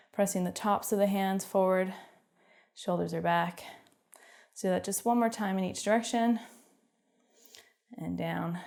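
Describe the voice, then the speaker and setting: A young woman with a Canadian accent guiding a home workout, giving encouraging cues and calm stretching instructions. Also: medium pitch. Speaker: fitness instructor.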